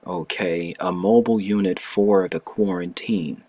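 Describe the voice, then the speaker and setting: A man with a deep, husky voice talks through a bill in casual opinion commentary. He is emphatic and animated, and keeps circling back to reread and repeat key phrases. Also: a little slow.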